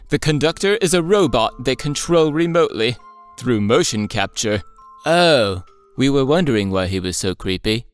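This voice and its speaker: A man narrating and voicing characters in a cartoon, with a playful, excitable delivery. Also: mid-range voice. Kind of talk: cartoon voice acting.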